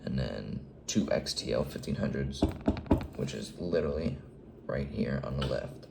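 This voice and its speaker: Hesitant male dispatcher, very deep fry-heavy voice, noisy recording with radio beeps. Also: normal speed. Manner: hesitant, frequent ums and restarts. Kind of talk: casual how-to tutorial.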